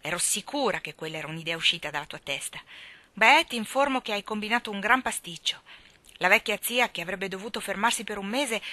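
A woman's voice: medium pitch, bright, forceful tone. A woman voicing a stern, gossipy, self-satisfied neighbor woman in an audiobook reading, in a scolding, knowing manner.

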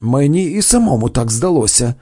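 A puffed-up, hot-tempered theatre producer, voiced by a male audiobook reader, blustering in a husky, mellow voice. His pitch leaps up and down a lot, and the read is dry. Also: big pitch swings, moderate pace, no echo. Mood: fawning. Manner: blustering, shouting at times.

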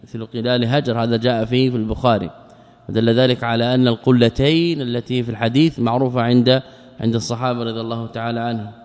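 Sheikh teaching a creed text in a reverberant hall. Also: male voice, mid-range voice, little pitch movement, quick pace, a little mellow. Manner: poses rhetorical questions to students. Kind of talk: lesson commentary on a creed text.

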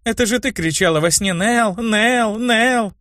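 A man's voice: sits high, a little slow, fairly bright tone, no echo, studio quality, pitched above the performer's own voice. A man voicing a mischievous, mocking young brunette sorceress in an audiobook. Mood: vengeful. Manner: playful, mocking.

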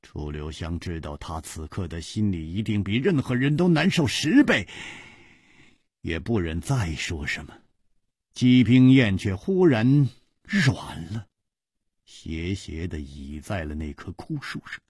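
A male storyteller narrating a story in an expressive way. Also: deep voice, unhurried, slightly rough, no echo, studio quality.

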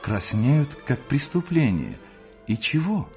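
A man's voice: mid-range voice, very animated, takes it slowly, a little mellow, faint music behind, voice pushed up. A man reading aloud, voicing a cool and detached married woman, the young man's aunt.

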